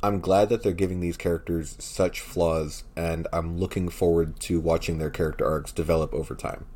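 A man with a notably deep, low voice chats casually as a podcast co-host. He rambles, restarts his sentences and stumbles over names, and his thoughts come out in loose, winding runs. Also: flat delivery, normal speed, darkish tone. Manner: rambling and self-correcting, admits being bad with names. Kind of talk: casual chat.

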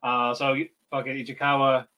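A man's voice: medium pitch, level tone, fairly quick, highs cut off. A man co-hosting a podcast, recapping an anime in casual chat, loose and full of fillers and swearing. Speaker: podcast co-host.

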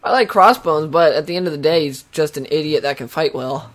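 A man's voice: on the high side, fairly quick. A man co-hosting a casual podcast, sharing opinions and reading news items aloud. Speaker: podcast co-host. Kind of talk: casual chat.

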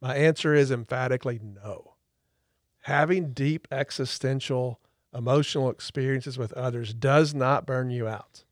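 A man's voice: medium pitch, unhurried, dry recording, clean studio sound. Emphatic man teaching his craft. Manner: emphatic, repeats words for stress. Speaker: podcast co-host, therapist trainer. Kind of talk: teaching explanation.

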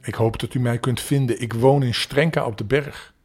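An older man voicing a poor, hopeful eight-year-old boy in a storybook, his voice lifted higher. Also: fairly even intonation, normal speed, a little mellow, slightly rough, close to an everyday voice. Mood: earnest.

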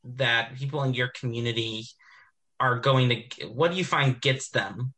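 A man's voice: medium pitch, moderate pace, pushed and bright. A man asking an interview question informally, in a hesitant, apologetic manner.

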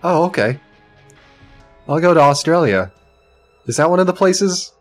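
A man's voice: fairly high pitch, animated, measured pace, faint music behind. A man casually improvising as a player in a tabletop role-playing game, playful and given to swearing.

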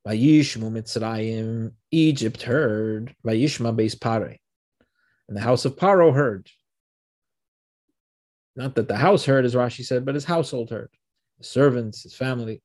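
A man teaching a Torah passage, reading the verses slowly and then translating and explaining them, often asking rhetorical questions. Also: mid-range voice, darkish tone.

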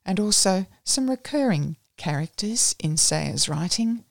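A woman's voice: mid-range voice, expressive, unhurried, gravelly, no room sound. A woman with an Australian accent reading a novel aloud and summarising it in a plain-spoken, unfussy way. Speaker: reader.

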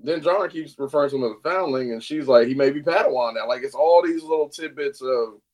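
An excited man co-hosting a casual podcast chat. He talks in an animated way at a medium pitch and swears now and then. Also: fast talker, rough recording. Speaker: podcast co-host.

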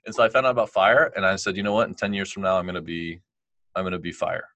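A man with a deep yet bright, forceful voice tells a personal story in casual conversation. He acts out what others said and leans on fillers. The sound is dry and close, with no room around it. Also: fast talker, no room sound. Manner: animated, quotes others, many fillers like "like" and "you know". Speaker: guest telling his story.

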